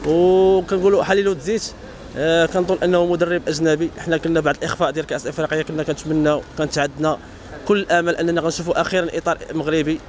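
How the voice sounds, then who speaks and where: A man's voice: a little high, level tone, rapid-fire, slight background noise. A man with a Moroccan accent giving an indignant street opinion, talking emphatically. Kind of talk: street vox pop interview.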